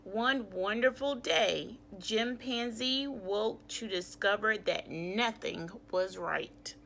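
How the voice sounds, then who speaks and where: Bright, unhurried woman teacher reading aloud. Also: medium pitch, vocal fry, a little hiss or hum. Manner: expressive, instructive, asks questions of pupils. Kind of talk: children's read-aloud lesson.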